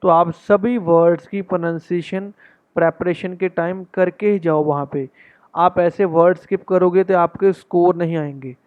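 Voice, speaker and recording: A man teaching English pronunciation for an exam, slowly breaking long words into parts and repeating them. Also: high voice, steady tone, no echo. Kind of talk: Hindi-English exam coaching lesson. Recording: dry, tinny phone-like sound.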